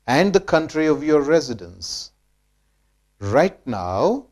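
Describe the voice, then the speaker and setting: A man with an Indian English accent giving a scripted pronunciation lesson, deliberate and repeating key sentences. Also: medium pitch. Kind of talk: slow scripted lesson narration.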